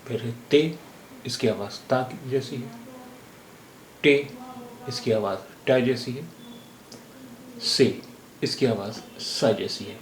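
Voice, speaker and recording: A man teaching a language lesson. He speaks slowly and says each word several times. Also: medium pitch. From India. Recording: roomy echo, faint background noise.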